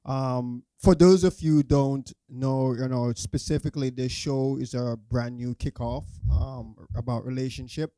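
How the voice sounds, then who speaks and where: A man's voice: mid-range voice, fairly even intonation, measured pace, few pauses, warm tone, clear, resonant tone, no room sound. A man hosting a podcast interview, speaking hesitantly with many fillers and restarts. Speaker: podcast host. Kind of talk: casual interview.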